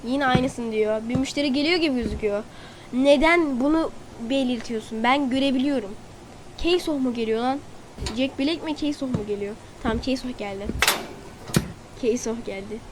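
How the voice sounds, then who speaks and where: A woman's voice: sits high, normal speed. A woman doing let's play commentary who reads game dialogue aloud and has exasperated outbursts. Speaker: gamer. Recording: loud background noise.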